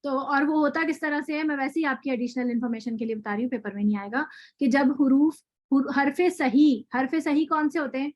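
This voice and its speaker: Woman, recitation teacher, high voice, explanatory, online class, muffled lo-fi sound. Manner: explanatory, asks students questions, slow drawn-out example words.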